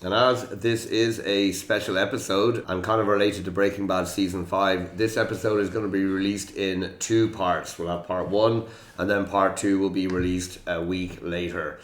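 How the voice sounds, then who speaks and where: A man's voice: low voice, fairly even intonation, echoey room. A man with an Irish accent hosting a quiz podcast, chatty and joking with his players. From Ireland. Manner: jokey, chatty, quick quips. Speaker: quiz host. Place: room in Prague.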